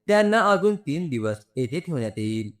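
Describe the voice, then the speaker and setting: A man voicing a hospital nurse who briskly gives a patient update in a storybook narration. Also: a little high, very animated, voice pushed up. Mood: informative. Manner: brisk, informative. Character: hospital nurse, matter-of-fact.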